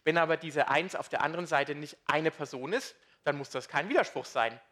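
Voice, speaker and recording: A man preaching a sermon in a lively, conversational way, asking his congregation questions. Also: fairly high pitch, fairly quick.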